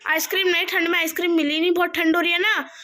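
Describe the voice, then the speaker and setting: Giggly high-voiced young woman vlogger. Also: little pitch movement, fast talker, crowd noise. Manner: playful, giggly, addresses viewers as guys. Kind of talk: casual home vlog. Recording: echoey room with noise.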